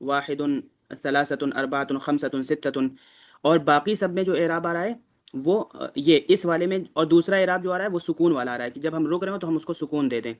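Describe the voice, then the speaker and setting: Guy teaching a class, kinda high voice, patient, goes step by step. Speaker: Arabic teacher. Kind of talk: classroom lesson.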